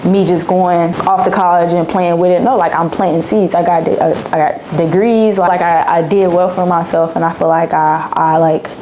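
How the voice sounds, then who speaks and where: A woman's voice: on the low side, little pitch movement, normal speed, few pauses, mellow, a little hiss or hum, poor audio. Chatty slangy young woman. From Dallas, Texas. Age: 20s. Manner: chatty, slangy, repeats herself. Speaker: vlogger. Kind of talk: casual Q&A vlog.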